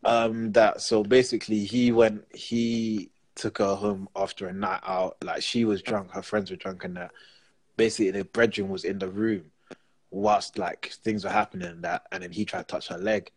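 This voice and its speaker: A man's voice: fairly low pitch, normal speed, vocal fry. A young man with a London accent co-hosting a casual chat, talking in roadman slang. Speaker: podcast co-host. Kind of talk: casual banter.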